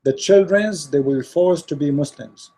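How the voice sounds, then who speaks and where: Addressing viewers in his closing remarks, an online religious debater speaks at a moderate pace with a fairly high pitch. His voice is hoarse, dark and husky because it's giving out. He's earnest and repetitive, stumbling through fillers and restarts.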